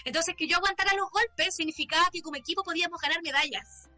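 A Chilean woman, a podcast guest, telling a story in animated, swearing casual chat and acting out the voices. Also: extremely high pitch, fast, faint music behind.

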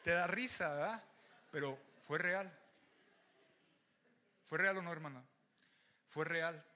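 A young man with a Mexican accent preaching an animated, joking sermon to young people, often raising his voice. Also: on the high side, takes it slowly. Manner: animated, joking, shouts to the crowd. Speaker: youth preacher. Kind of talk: lively sermon.

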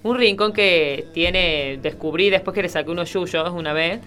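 A young woman with an Argentine accent, co-hosting a radio show, chatty and quick to laugh. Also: on the low side, fairly bright tone. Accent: Argentine Spanish. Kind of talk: casual chat.

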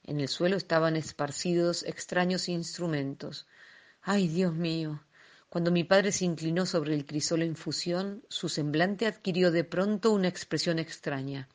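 A woman reading a classic tale aloud in a measured, expressive storytelling manner. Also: fairly low pitch. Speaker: reader.

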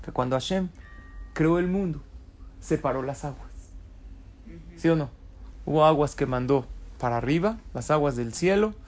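A man's voice: on the high side, darkish tone, a little hiss or hum. A man giving a Torah lecture, throwing rhetorical questions at his audience and answering them himself. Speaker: rabbi lecturer.

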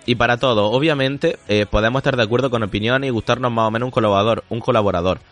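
A man's voice: mid-range voice, quick pace, a bit bright, soft background music. A man hosting a casual podcast chat, reading listener comments aloud, laughing often and swearing casually.

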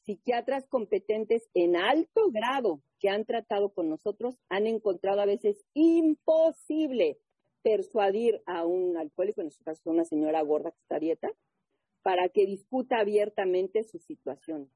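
A woman speaking at a recovery group meeting, giving her testimony and reading aloud, animated and often asking the listeners questions. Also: medium pitch, normal speed, dry recording. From Mexico. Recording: muffled phone-like audio.

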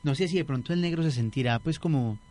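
Young male co-host, slightly high voice, casual storyteller who slips into the voices of the people he quotes. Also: fast, darkish tone. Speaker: radio show co-host. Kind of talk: casual chat.

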